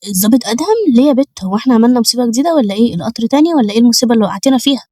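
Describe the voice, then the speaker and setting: A nagging middle-aged mother with an Egyptian accent, as a woman voices her. Her raised voice is husky and dry. She scolds fast. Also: fairly high pitch, lively intonation, dry recording. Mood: suspicious. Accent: Egyptian Arabic. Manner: sharp, nagging.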